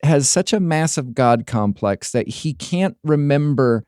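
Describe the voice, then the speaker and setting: A man's voice: a little high, animated, unhurried, darkish tone, clear, resonant tone, no room sound, clean studio sound. A man co-hosting a podcast in casual chat, sarcastic and dismissive, joking often. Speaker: podcast co-host.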